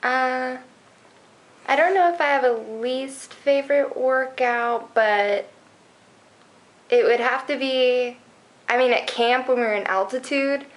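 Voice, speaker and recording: A young woman in her early twenties answers interview questions slowly and casually. Her voice sits a bit high, and she pauses often and fills gaps with "uh" as she thinks. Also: low-quality recording. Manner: hesitant, with many fillers. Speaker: college cross-country runner.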